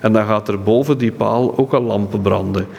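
A middle-aged man with a Flemish accent, a friar guiding a tour, telling stories haltingly with many fillers and restarts. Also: fairly low pitch, vocal fry, a little mellow, a little hiss or hum. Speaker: friar and monastery guardian. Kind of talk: guided-tour conversation. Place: indoor exhibition centre. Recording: echoey hall, faint ambience.

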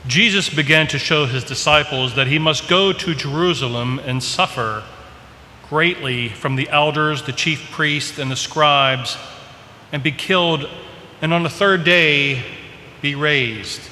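A man serving as priest, reading the gospel and preaching at Mass in a measured, plain way, with a cathedral echo. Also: fairly high pitch, pushed and bright. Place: large church. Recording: long church reverb, faint hiss.

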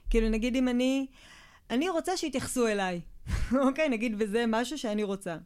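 A woman's voice: fairly high pitch, darkish tone, clean tone. A woman co-hosting a podcast, chatting casually and explaining ideas through personal stories and step-by-step examples. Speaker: podcast co-host. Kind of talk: casual chat.

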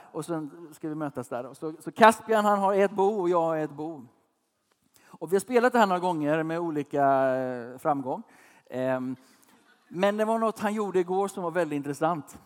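Brief: male preacher in his thirties, conversational sermon, higher-pitched voice, long hall reverb. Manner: chatty, asks listeners questions.

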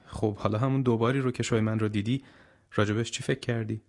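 A man's voice: lowish voice, fairly even intonation, darkish tone, natural voice. A man voicing a cautious, polished male television interviewer in an audiobook. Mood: guarded.

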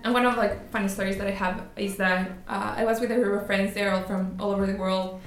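A woman's voice: mid-range voice, fairly even intonation, quick pace. Young Ecuadorian woman, hesitant, roomy. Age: young adult. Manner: hesitant, many fillers and restarts. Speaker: student panelist. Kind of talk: casual roundtable discussion. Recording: roomy echo, faint music.

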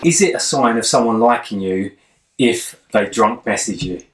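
A man's voice: fairly low pitch, moderate pace, music in the background. Young man in an echoey room. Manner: relaxed, rambling, restarts. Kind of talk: casual chat about dating. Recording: echoey room, mic a bit far off.

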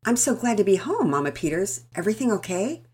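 A woman voicing a calm, friendly father in an easygoing way. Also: mid-range voice, fast, slightly rough, voice pushed up. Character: warm, calm father coming home.

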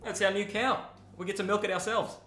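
A man's voice: high voice, fairly even intonation, fairly quick, sharp tone, roomy sound, a little hiss or hum. A man playing a gullible, stubborn husband in a comedy sketch, earnest and easily indignant. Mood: earnest, defensive. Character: gullible husband, stubbornly defending his strange purchase.

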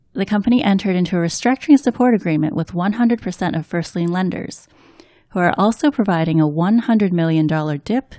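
Lady reading debt news, mellow tone, steady and measured. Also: on the low side, dry recording, studio quality. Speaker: co-host and news reader.

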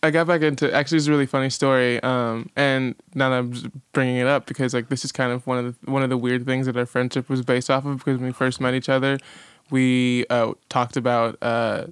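Chatty podcast guy, laughs a lot, clean smooth voice, dry mic. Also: mid-range voice, flat delivery, a little fast, no room sound. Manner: chatty, giggly, enthusiastic. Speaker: podcast co-host. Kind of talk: casual chat.

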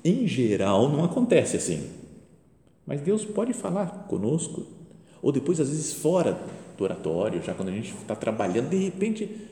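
A Brazilian priest preaches in a relaxed, conversational way, his voice rising and falling through a wide, animated range. His tone is mellow and soft-edged. The sound rings out through a large church with a long, roomy echo. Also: medium pitch, moderate pace. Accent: Brazilian Portuguese. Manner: lively, chatty preaching with frequent rhetorical questions. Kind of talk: conversational homily. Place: church chapel near the tabernacle. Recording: reverberant church hall.

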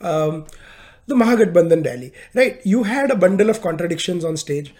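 Fast-talking Indian English man hosting. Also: high-pitched, animated, darkish tone. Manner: quick, laughs easily, mixes Hindi and English. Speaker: podcast host. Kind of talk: casual political chat.

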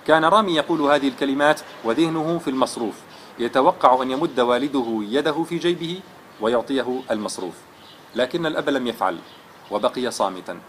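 A man's voice: medium pitch, fast talker, fairly bright tone, a little hiss or hum. A man giving a religious lesson, telling a moral story in an earnest, dramatic way. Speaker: religious lecturer.

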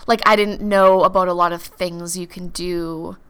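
A woman from Canada in her thirties, answering interview questions in a thoughtful, measured way. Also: fairly low pitch, steady tone, a bit bright, clean tone. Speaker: podcast guest.

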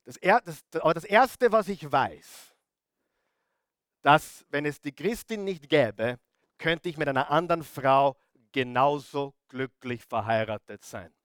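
A middle-aged preacher, his voice a little higher than most men's. He hammers key words again and again and keeps turning to the congregation with questions. The recording is dry and close, with no room echo. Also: expressive, measured pace, a bit bright. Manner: emphatic, repeats key words, asks the audience questions. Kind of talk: sermon.

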